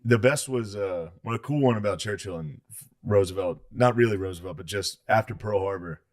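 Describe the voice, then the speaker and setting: A man's voice: fairly low pitch, brisk. A man co-hosting a podcast, chiming in with short, casual, profane remarks. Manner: brief agreeing interjections, swears casually. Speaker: podcast co-host. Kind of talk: casual chat.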